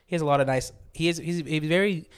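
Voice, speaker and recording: A man's voice: fairly high pitch, fast talker, smooth. A young man co-hosting a podcast, chatting about music in an enthusiastic, rambling way with many restarts. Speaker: podcast co-host. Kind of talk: casual music review chat.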